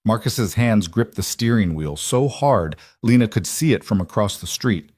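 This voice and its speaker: Man reading a story, low voice, measured and even, dry close sound. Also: husky, dry recording. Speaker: narrator. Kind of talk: scripted story narration.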